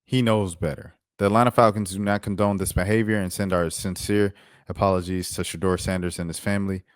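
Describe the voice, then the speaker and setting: In a dry, studio-quality recording, an American sports commentator and host with a low voice goes on a casual, opinionated rant. He sounds incredulous and emphatic, uses plenty of slang, and repeats himself for effect.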